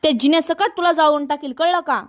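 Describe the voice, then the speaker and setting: A woman's voice: high voice, fast talker, natural voice. A woman narrator reading the lines of a hot-tempered, threatening male thug, in a plain quoted delivery. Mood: angry.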